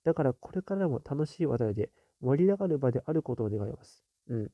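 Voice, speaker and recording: A man hosting a casual live stream, reading viewer comments aloud and musing on them with soft little fillers. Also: medium pitch, sing-song, fast, no echo, lo-fi sound.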